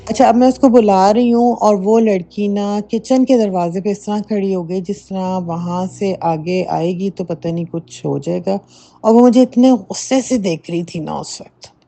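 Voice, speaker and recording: In a voice note, a middle-aged woman with a mid-range, dark-toned voice casually recounts a true haunting in her own home. A listener sharing a personal story, she tells it emphatically and conversationally, full of fillers, over faint background music.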